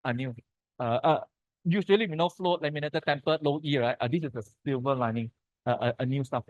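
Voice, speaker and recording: Lecturing architects on a technical topic, this man with a Malaysian accent talks a little fast in a medium-pitched voice. He uses short, colloquial bursts full of sentence-final particles. The recording is muffled but free of room sound.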